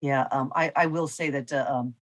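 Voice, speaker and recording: A woman chairing a public commission meeting over a video call, briskly managing speakers and time. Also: very deep voice, steady tone, rough recording.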